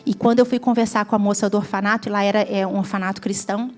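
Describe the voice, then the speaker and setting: A woman's voice: medium pitch, steady tone, rapid-fire, a little mellow, faint music behind. A woman from Brazil with a Brazilian Portuguese accent, giving a heartfelt testimony sermon at a church gathering that rises to fervent emphasis. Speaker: guest preacher.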